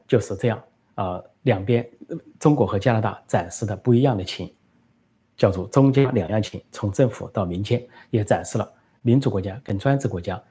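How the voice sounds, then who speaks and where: Low mellow-voiced male commentator. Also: breathy edge. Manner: conversational, many fillers. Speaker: political commentator. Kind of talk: political commentary with live Q&A.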